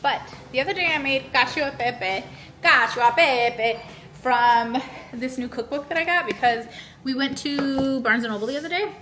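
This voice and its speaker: A woman's voice: high voice, normal speed, fairly bright tone, roomy sound. A woman in her thirties chatting casually as a vlogger in her home kitchen while she cooks, laughing often. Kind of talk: casual vlog chat. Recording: noisy kitchen with sizzling pan.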